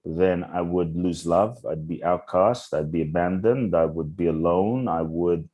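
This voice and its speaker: A young adult man, a podcast guest from Ghana and London, telling his life story earnestly with slow, searching restarts. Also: low-pitched, warm tone, husky. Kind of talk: reflective interview storytelling.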